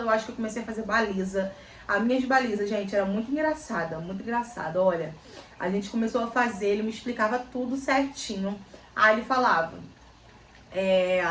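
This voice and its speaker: Chatty woman vlogger in a roomy space. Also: a little high. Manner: chatty storytelling, repeats phrases, animated retelling. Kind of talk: casual chat. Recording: roomy, slightly distant, faint ambience.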